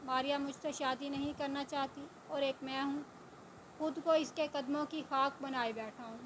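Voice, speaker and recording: Brief: a soft-spoken lovesick young man in a storybook reading, voiced by a woman, high and polite. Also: fairly even intonation, background noise, natural voice. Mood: pleading.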